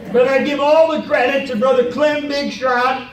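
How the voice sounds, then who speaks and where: A man doing a bumbling traveling preacher with a very high voice, rambling and tripping over his words, comically indignant. He sounds far from the mic in an echoey hall, with an audience faintly behind. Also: background noise. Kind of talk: live comedy sketch. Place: stage before a live audience.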